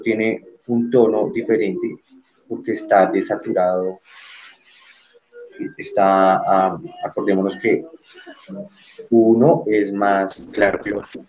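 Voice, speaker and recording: A man's voice: fairly low pitch, highs cut off. A man teaching an online art class, explaining as he works and checking in with frequent tag questions.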